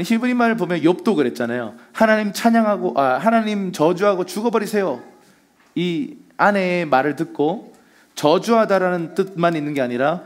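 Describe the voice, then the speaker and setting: A man preaching a Sunday sermon as pastor, telling the story with energy and acting out the lines he quotes. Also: a little high.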